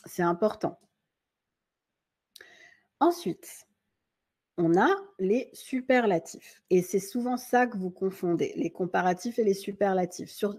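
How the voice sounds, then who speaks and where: Slow, patient woman teaching grammar. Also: medium pitch, darkish tone. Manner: patient, repeats key points, reads example sentences slowly; friendly and informal, addresses viewer as tu. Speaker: English teacher. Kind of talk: explanatory French lesson.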